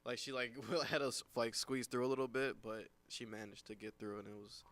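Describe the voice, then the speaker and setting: A man's voice: mid-range voice, fairly even intonation, fairly quick, a bit bright. Rambling young man with constant fillers. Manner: rambling, many "like" fillers, laughs often. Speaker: podcast co-host. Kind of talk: casual chat.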